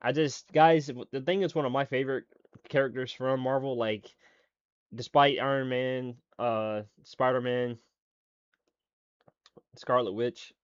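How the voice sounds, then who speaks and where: A man's voice: medium pitch, steady tone, a little slow, long pauses, clear, resonant tone, no room sound, highs cut off. A man giving casual reaction commentary as a streamer, rambling with lots of fillers, restarts and swearing.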